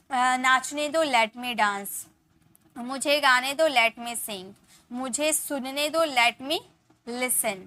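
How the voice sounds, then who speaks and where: A woman's voice: a little high, pushed and bright. A young Indian woman teaching a spoken English class, explaining step by step in an Indian English accent and repeating each example sentence.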